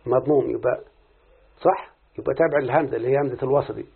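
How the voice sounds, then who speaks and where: In a mid-range, gravelly, husky voice with a steady tone, a man with an Egyptian accent talks very fast. He is a student working step by step through an Arabic morphology lesson in question-and-answer form and keeps checking with his teacher, heard through tinny, phone-like audio.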